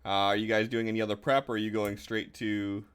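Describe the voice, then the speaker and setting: A man's voice: on the low side, little pitch movement, brisk, fairly bright tone, clear, resonant tone. A man running a tabletop role-playing game as game master, narrating in a laid-back way.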